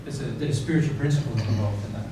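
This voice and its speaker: A medium-pitched man talks at a quick pace, emphatically teaching spiritual principles to an audience in an informal manner. Key words come back again and again, and rhetorical questions check they're following. The seminar room echoes heavily and is noisy, recorded from afar.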